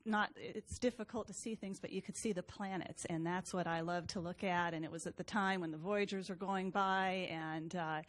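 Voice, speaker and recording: A woman's voice: on the low side, steady tone, moderate pace, few pauses, a little hiss or hum. A middle-aged woman from the Los Angeles area, a NASA scientist telling her story on a panel in a chatty, self-deprecating way. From Los Angeles area, USA. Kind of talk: panel talk, personal story.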